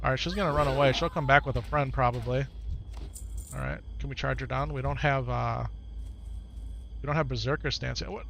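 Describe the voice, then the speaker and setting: This is casual live-stream chatter over gameplay from a man in Wisconsin, United States, whose Upper Midwest accent comes through as he talks to viewers and repeats himself a lot. His medium-pitched voice is a bit bright and fairly quick, with fairly even intonation, vocal fry, and frequent pauses. A little hiss or hum sits under the recording.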